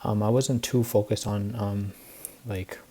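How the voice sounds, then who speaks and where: A teenage boy talks through his week in a loose, filler-heavy ramble, sounding tired and a little out of breath. His voice sits low and dark, with a flat, even delivery. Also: a little slow. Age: teens. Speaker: student trader recapping his week. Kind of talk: casual spoken recap.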